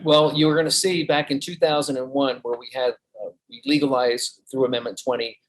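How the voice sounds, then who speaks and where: Man calmly reciting statistics. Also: medium pitch, brisk, low-quality recording. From Colorado. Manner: steady, lists figures methodically. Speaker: physician guest. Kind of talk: interview.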